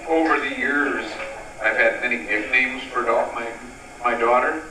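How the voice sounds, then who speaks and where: Casting: middle-aged father of the bride, sentimental wedding toast, mid-pitched voice, recorded from a distance in a noisy room. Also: unhurried, echoey room.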